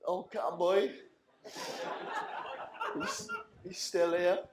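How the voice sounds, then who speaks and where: A man in his thirties, a bit drunk, speaks very slowly in a high voice as he rambles through an emotional best man speech, laughing between lines. The wedding reception hall is reverberant, with background noise.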